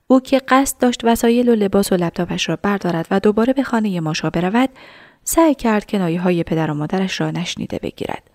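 A woman narrating a story in a soft, half-whispered reading voice. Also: medium pitch, no echo, clean studio sound.

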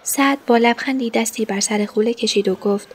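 Woman narrator, first-person audiobook, soft and hushed. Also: on the high side, slight background noise.

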